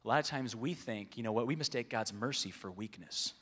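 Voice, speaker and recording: A man delivers a sermon at a middle pitch, sinking to near-hushed lines and then climbing to loud, emphatic ones. His voice carries the long reverb of a large hall. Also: a little fast. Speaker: preacher.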